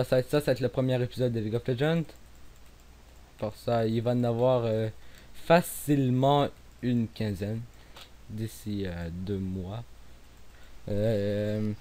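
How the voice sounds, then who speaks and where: A young man from Quebec with a Québécois French accent casually comments on his own gameplay, rambling with many fillers and restarts and sometimes dropping to a near mumble. His voice is lowish and dark, with faint hiss on the recording.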